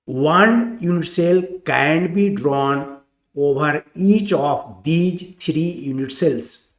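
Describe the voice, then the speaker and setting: A man teaching chemistry in a slow, deliberate lecture, repeating each point step by step. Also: fairly high pitch, reverberant.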